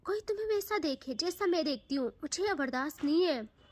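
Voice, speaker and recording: A woman's voice: high-pitched, lively intonation, fairly quick, no echo. A woman voicing a possessive, doting young woman in love, teasing and affectionate.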